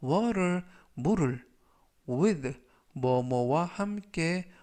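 A man's voice: fairly high pitch, animated, drawn-out words, darkish tone. A man speaking Korean with a Korean accent, giving an English vocabulary lesson. He repeats each word three times, then explains it in set phrases. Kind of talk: slow, methodical vocabulary lesson.

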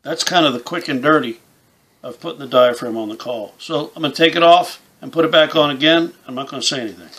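Man in his fifties, forceful bright tone, slightly high pitch, informal step-by-step instructor. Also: fast talker, rough recording. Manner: plain-spoken, informal, explains step by step. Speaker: instructor, game call maker. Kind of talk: casual hands-on product tutorial. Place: small indoor room with camouflage backdrop.

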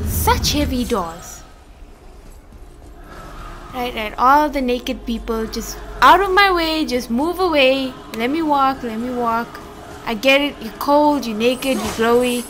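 A woman's voice: a little high, noisy background. A woman commenting on her own video game play, rambling and mocking herself, muttering and exclaiming as she goes. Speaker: gamer streaming gameplay. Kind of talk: self-deprecating gameplay commentary. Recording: game music playing behind.

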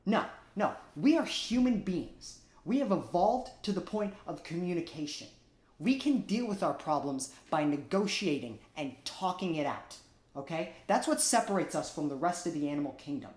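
A man's voice: on the high side, animated, moderate pace, darkish tone, lightly acted. A young man playing an indignant anti-war delegate in a comedy sketch, speaking in emphatic, pleading oratory. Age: young adult. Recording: roomy echo.

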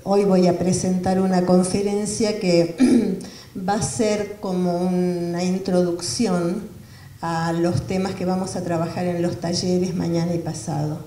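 A woman giving an academic lecture in a measured, explanatory way. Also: fairly low pitch, little pitch movement, dark tone, a little hiss or hum. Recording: roomy hall from far off.

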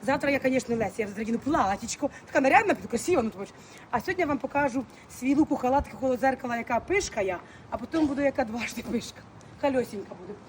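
A high-voiced woman talks quickly and affectionately to her followers as she walks. She films on her phone, with loud street noise all around. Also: animated. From Ukraine. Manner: chatty, affectionate, mixes Ukrainian and Russian words. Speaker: vlogger. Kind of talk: walking vlog to followers. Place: outdoors on city streets, then in a clinic hallway.

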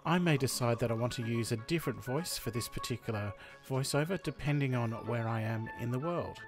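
A man from Australia hosting a software tutorial voice-over, explaining each step in a chatty way. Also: mid-range voice, a little fast, over music. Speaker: tutorial host. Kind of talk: screen-recording tutorial voice-over.

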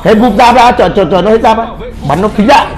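A man's voice: high-pitched, fairly quick, poor audio. A man giving casual gameplay commentary, swearing and crying out in pain as he plays. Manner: swears, cries out in pain during play. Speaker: gamer streamer.

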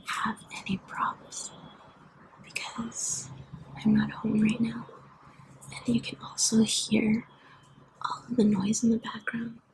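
Casting: soft spoken female ASMR whisperer, twenties, unhurried, with some creak. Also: on the high side, completely flat delivery, poor audio. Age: 20s. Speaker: beginner ASMR video maker. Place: hotel room. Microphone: close to camera or laptop, leaning in.

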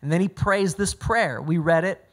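A man's voice: high-pitched, normal speed. Earnest male pastor. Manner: earnest, emphatic, with frequent restarts. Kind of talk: sermon delivered as a conversation.

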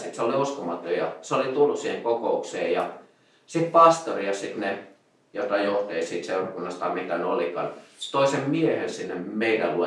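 Echoey preacher man, mic far off. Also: lowish voice. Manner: conversational storytelling with many fillers and restarts. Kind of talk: sermon. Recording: very echoey room, mic at a distance.

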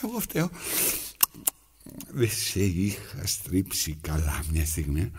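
Against a noisy background, a low male voice swings hugely in pitch, fully in character. The actor portrays a lonely old man sewing up his trousers, rambling aloud to himself and his needle, now coaxing, now scolding, as a theatrical monologue.

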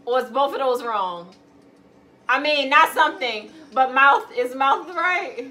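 A woman in casual, animated game banter, giggly and swearing freely, with music playing over her voice. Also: high voice, a little slow.

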